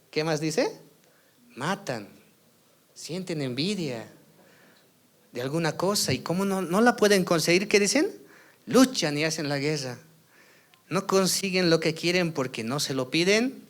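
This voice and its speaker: A man preaching a sermon at a church meeting. He asks his congregation question after question and swings between loud emphasis and quiet asides. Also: a little high. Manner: rhetorical questions with tag "¿no?", swings from loud to soft. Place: church service.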